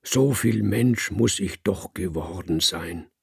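A man's voice: deep voice, slow pace, vocal fry, breathy edge, no echo, studio quality, heavily acted. A man voicing Rotpeter, a despairing old circus ape. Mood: whispering. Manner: despairing, breaks into bellowing. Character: old male circus ape, weary, then raging.

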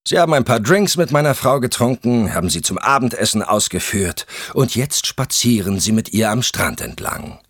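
A man voicing a furious, scornful middle-aged husband in an audiobook, loud and raised in pitch. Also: expressive, normal speed, few pauses, husky, no echo, clean studio sound. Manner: scornful, shouting.

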